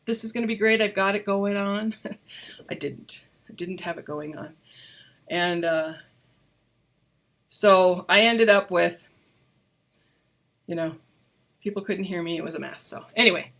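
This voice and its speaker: A woman's voice: on the low side, a little slow, pauses often, fairly bright tone. Woman with a cave-like echoey mic. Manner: chatty and enthusiastic, with frequent restarts. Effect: echoey, cave-like microphone sound. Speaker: stamping and card-making demonstrator. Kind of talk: live craft demo with viewer questions.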